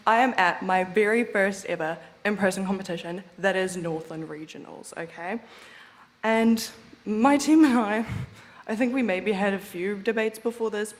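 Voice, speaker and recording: A teenage girl from New Zealand gives a chatty personal speech at a debating ceremony, self-deprecating and quick to laugh. Her voice sits at an ordinary middle pitch. It rings with the long reverb of a large chamber. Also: slight background noise. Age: teens. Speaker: student speaker.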